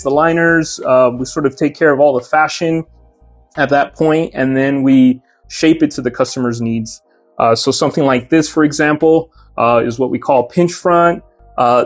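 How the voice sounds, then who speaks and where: Young man, slightly higher voice, relaxed craftsman explaining things, faint music bed. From Mexico. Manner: relaxed, many "uh" fillers, explains his craft step by step. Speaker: hat maker and shop owner. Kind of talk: casual interview.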